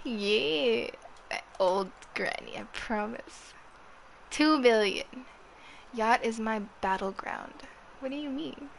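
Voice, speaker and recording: Woman, 20s, live streamer: kid-like higher voice, unhurried, profane casual chat with chat. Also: gravelly, a little hiss or hum. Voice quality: youthful, girlish-sounding voice. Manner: swears freely and chats with viewers. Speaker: livestreamer.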